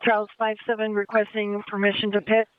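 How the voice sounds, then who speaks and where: Man, police dispatcher, police radio, clipped read-backs, smooth clear voice. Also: high voice, monotone, a little fast. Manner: repeats back each report in clipped radio phrases. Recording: tinny police radio transmission.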